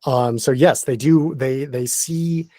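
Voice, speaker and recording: A man acting as game master, explaining the rules step by step in a halting way. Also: medium pitch, warm tone, no room sound. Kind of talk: narrating a tabletop game.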